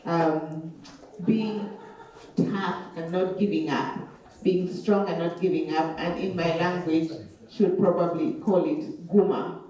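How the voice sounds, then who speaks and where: A woman from western Uganda sharing in a conference group discussion, measured and reflective. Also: lowish voice, fairly even intonation, mellow. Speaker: conference participant. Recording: echoey hall, far from mic.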